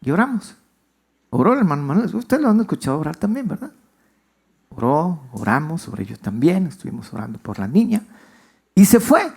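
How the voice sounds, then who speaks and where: A man's voice: big pitch swings, brisk, creaky, a little mellow, slightly rough. A male pastor, giving a conversational sermon and asking his congregation questions. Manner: conversational storytelling, asks the congregation questions, pitch swings widely. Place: church.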